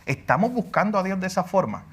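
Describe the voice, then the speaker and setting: A man preaching a Bible class sermon in Puerto Rican Spanish. He is animated, rises to shouting when he quotes the cries, and puts questions straight to the listeners. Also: sits high, quick pace, husky. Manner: asks the listeners questions directly. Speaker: pastor.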